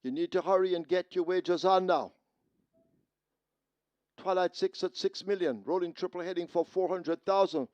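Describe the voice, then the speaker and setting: A man at a racetrack heard through loudspeakers, loudly and urgently calling out post time and betting pools. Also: high-pitched, moderate pace, long pauses, dry recording, dull audio. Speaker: racetrack announcer. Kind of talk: public address announcements. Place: outdoor racetrack.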